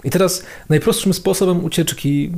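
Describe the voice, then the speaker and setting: A man's voice: sits high, normal speed, a little mellow. A man giving a casual video sermon as a priest, talking in a conversational, slangy way and repeating phrases for emphasis.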